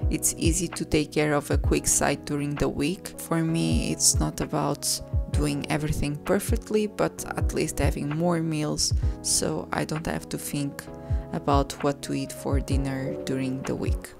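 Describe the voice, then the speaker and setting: A woman calmly narrating her home cooking video, soft and unhurried, sometimes correcting herself mid-sentence. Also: sits low, vocal fry. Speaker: cooking vlogger. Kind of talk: calm voice-over narration. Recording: voice-over with soft background music.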